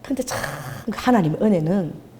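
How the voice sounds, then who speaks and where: A middle-aged woman pastor preaching a sermon, telling stories with animated exclamations and acting out the voices she quotes. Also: medium pitch, moderate pace, in a large hall, slight background noise. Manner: exclaims hallelujah, calls out to congregation.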